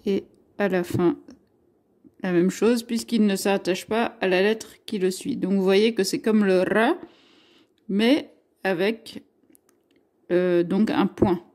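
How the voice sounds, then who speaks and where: A woman leads a beginners' lesson on letters and their sounds. She talks slowly and patiently, pausing to spell each syllable out. Her voice sits at an ordinary middle pitch. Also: steady tone, a little mellow. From France. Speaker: teacher. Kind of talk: Arabic alphabet lesson.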